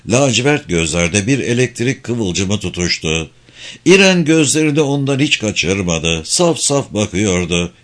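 Low-voiced male audiobook narrator. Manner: steady, expressive storytelling.

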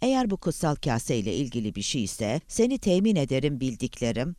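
A rattled professor, voiced by a man reading aloud, defensive and alarmed, his pitch leaping about expressively. The sound is dry and close-miked. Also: sing-song, fairly quick, mellow, dry recording, close to an everyday voice. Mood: bewildered. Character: tense, bewildered male professor. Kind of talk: audiobook character voice.

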